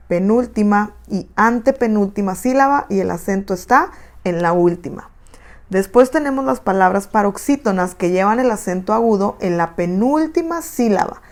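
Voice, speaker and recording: A woman with a Mexican accent narrating a recorded online lesson, explaining terms step by step at a steady pace. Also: fairly high pitch. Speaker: teacher.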